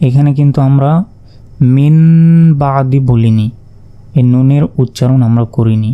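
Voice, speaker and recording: A man teaching Quran reading in a step-by-step lesson, slowly spelling out letters and vowel marks one by one. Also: medium pitch, mellow, highs cut off.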